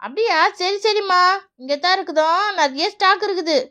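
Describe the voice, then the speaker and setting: A woman voicing an elderly grandmother shopkeeper in a children's cartoon, bossy and quick to scold. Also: very high voice, fairly bright tone. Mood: showing wares.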